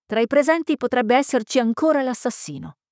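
Woman doing a calm, insistent man. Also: high voice, brisk, dry recording, clean studio sound, voice pushed up. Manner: insistent, level-headed. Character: adult man, calm and insistent investigator type.

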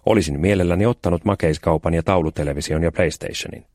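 A timid little boy frets over his friends' plans, as a man reads him in an audiobook. He speaks hesitantly in a deep voice. The recording is dry and close. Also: darkish tone, dry recording, lightly acted. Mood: worried. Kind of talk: audiobook character voice.

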